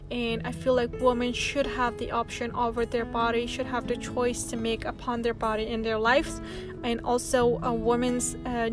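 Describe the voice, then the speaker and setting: A woman from Afghanistan talking earnestly on her solo podcast, pausing often with ums and uhs. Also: a little high. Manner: earnest, halting, many ums.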